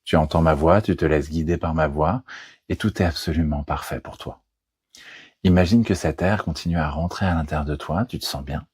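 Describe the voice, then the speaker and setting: Deep-voiced man guiding hypnosis, husky and dry. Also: darkish tone, no room sound. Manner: soothing, slow, deliberate guiding delivery. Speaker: hypnosis trainer and guide. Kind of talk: guided hypnosis session.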